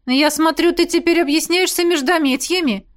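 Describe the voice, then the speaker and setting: Audiobook: blunt, commanding young woman, read by a female narrator, brisk delivery. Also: very high-pitched, background noise, voice pushed up. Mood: dry. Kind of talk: audiobook reading.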